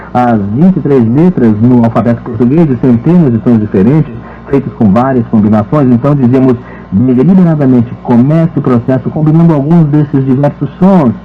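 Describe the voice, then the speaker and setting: Male preacher, mid pitch, steady explanatory delivery, tinny phone-like audio. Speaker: preacher teaching on ministry. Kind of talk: dubbed teaching talk. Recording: narrow phone-like recording.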